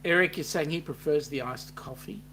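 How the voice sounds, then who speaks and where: A man's voice: on the high side, normal speed, slight background noise. A man with a New Zealand accent co-hosting a casual live chat, reading out viewer comments with plenty of ums. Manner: relaxed, reads out chat messages with filler ums.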